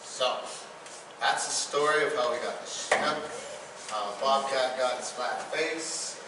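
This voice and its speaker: A man's voice: medium pitch, unhurried. A man telling a traditional story to children, playful, often checking in with his listeners. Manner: playful, addresses listeners, asks "right?". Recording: echoey room, from far off, noisy.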